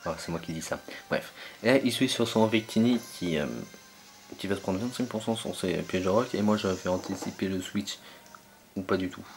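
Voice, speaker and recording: A man's voice: deep voice, normal speed, faint music behind. A young man commentating his own online battle game match, hesitant and full of fillers as he searches for names.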